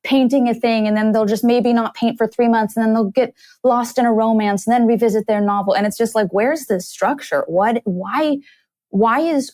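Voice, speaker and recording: A woman's voice: mid-range voice, a little mellow, no echo. A woman hosting a podcast, chatty and musing, who laughs easily as she talks with her guest. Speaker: podcast host. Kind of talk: casual interview conversation.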